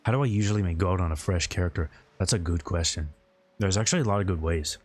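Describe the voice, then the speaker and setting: A man's voice: low-pitched, quick pace, slight background noise. A man talking informally and ramblingly as he hosts a game livestream and answers his viewers' chat. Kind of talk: casual gaming stream commentary, answering viewer chat.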